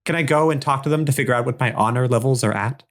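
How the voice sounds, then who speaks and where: Player as a cheeky young male pirate, wisecracking, questioning, mid-pitched voice. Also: rapid-fire, close to an everyday voice. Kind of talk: improvised tabletop role-play.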